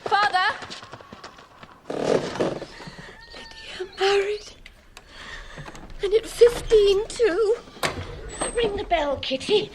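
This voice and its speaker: A woman's voice: extremely high pitch, animated, measured pace, background noise. Hysterical fussing mother. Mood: overjoyed. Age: middle-aged. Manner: fussy and hysterical, near tears. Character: fretful middle-aged mother of five daughters. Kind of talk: period film drama.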